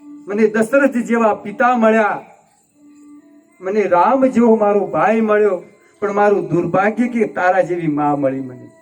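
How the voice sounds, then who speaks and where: Male storyteller as young prince, grief-stricken and pleading, high voice, faint music behind. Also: a little slow. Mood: anguished. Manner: impassioned, tearful pleading. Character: young prince Bharat, grieving and self-reproaching.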